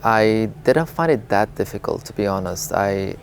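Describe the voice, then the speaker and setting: Low gravelly-voiced man from Lebanon. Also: expressive, moderate pace, slight background noise. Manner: candid, reflective, with small laughs and fillers. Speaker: interviewee, vegan advocate. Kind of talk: relaxed storytelling interview.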